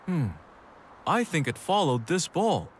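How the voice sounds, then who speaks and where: A woman voicing a shy, soft-hearted cartoon vehicle who stammers and hesitates. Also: sits low, big pitch swings, unhurried, background noise. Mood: sheepish. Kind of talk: cartoon voice acting. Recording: studio voice with loud music.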